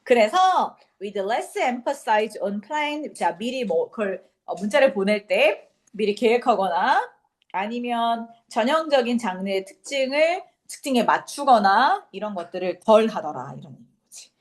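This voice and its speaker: A woman's voice: fairly high pitch, expressive, unhurried. A young woman teaching an English class, lecturing casually and quizzing her students.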